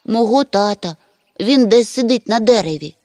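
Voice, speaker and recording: A woman voicing a small, eager young troll boy in a storybook, in a raised, excited voice. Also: fairly high pitch, moderate pace, pitched above the performer's own voice, lightly acted.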